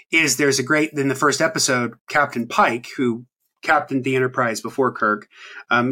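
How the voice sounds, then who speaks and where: A male podcast host in his thirties talks loosely and meanders, with frequent ums and restarts. His medium-pitched voice comes across as pushed and bright.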